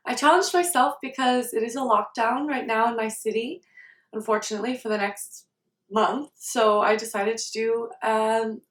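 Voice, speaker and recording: A woman guiding a meditation in a slow, soft, calm way. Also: on the high side. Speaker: meditation guide. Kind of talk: guided meditation. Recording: roomy sound, somewhat far from the mic.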